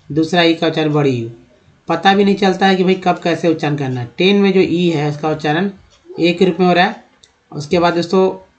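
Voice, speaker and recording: A man teaching a lesson, explaining step by step, often asking a question and answering it himself, and addressing viewers as friends. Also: fairly high pitch. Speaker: English teacher. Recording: dull lo-fi sound.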